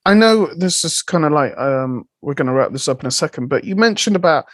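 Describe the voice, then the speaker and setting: A man's voice: fairly high pitch, expressive, a little fast. A man with an English West Country accent, chatting casually as a podcast co-host.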